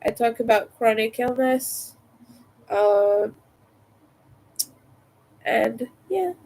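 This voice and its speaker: Female livestream host, fairly high voice, casual and slow, congested with a cold, nasal like a pinched nose. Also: darkish tone, low-quality recording. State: stuffy nose from a cold and allergies.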